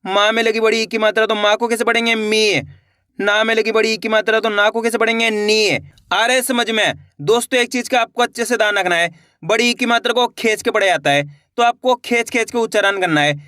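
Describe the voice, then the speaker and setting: A young man teaching beginners to read, stretching out each syllable slowly and often checking whether his students follow. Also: sits high, steady tone, sharp tone, no echo, clean studio sound. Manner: slow, drawn-out syllable-by-syllable reading, with frequent check questions. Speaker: Hindi reading teacher. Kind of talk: video lesson for beginners.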